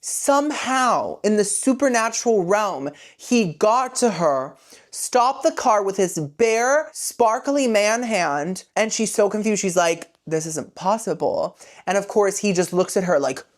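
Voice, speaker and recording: A woman's voice: mid-range voice, animated, measured pace. A woman hosting a comedic movie retelling podcast, full of sassy, rambling asides. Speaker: host.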